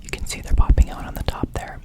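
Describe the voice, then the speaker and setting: This ASMR host and video creator keeps to a whisper the whole time, rambling and slowly going back over the same words and phrases. His microphone sits close and is brushed while he speaks.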